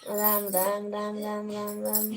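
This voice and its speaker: Awadhi lady live streaming at home, teasing her viewers, slowish chatty talk. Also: medium pitch, monotone, faint music behind. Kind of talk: casual live-stream chat reading viewer comments. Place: indoors at home. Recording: loud background noise.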